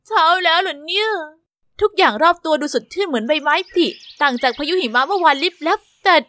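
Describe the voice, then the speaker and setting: Bright young woman narrating a story. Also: very high-pitched, fairly quick, a little hiss or hum. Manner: expressive, exclaiming. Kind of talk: scripted first-person story narration.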